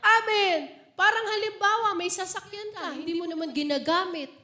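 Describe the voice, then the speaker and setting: A woman with a high, bright-pitched voice preaches a sermon, moving between earnest teaching and laughing over personal stories. Her voice rings out in an echoey church hall. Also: normal speed.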